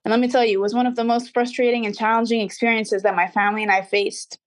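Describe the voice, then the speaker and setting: A young woman from Dubai, whose first language is Arabic, answers interview questions as a guest and recording artist. She speaks quickly in a slightly high, flat voice, with an earnest, reflective and somewhat formal manner.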